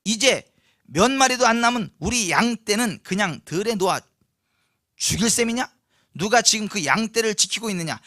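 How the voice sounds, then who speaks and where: An angry, scornful older brother barks down at his youngest sibling in a loud, bright, high voice, as a preacher puts him on. The scolding is harsh and shouted, the room dry and close. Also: expressive, normal speed, no room sound.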